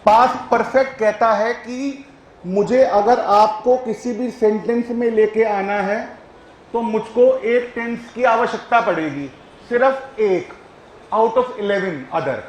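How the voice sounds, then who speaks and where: High-voiced man teaching in an echoey room. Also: slow pace, slight background noise. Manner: keeps checking if students follow, coaxing. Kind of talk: classroom lecture on English grammar.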